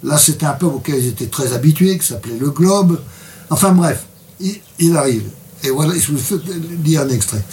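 Man, fairly high voice, hesitant translator, mic a little far off. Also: animated, a little fast, a little mellow, a little hiss or hum. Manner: hesitant, repeats words. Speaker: translator presenting a book. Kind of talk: casual interview chat with read excerpt.

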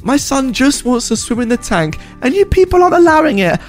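A man voicing a shrill, entitled middle-aged woman who yells accusations, with a screechy voice. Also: huge pitch swings, normal speed, soft background music. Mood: furious. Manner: yelling, accusing.

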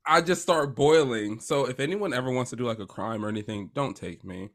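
A man co-hosting a podcast, reacting in a playful, excitable, joking way in casual chat. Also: medium pitch, fairly quick. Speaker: podcast co-host.

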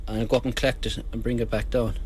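A young man with a west of Ireland accent talks in a casual, halting way, as if answering an interviewer. His pitch is average for a man, and a faint vehicle hum sits behind him. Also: little pitch movement. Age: young adult. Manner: hesitant, halting. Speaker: train passenger, student. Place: on board a moving train. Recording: faint moving train noise.

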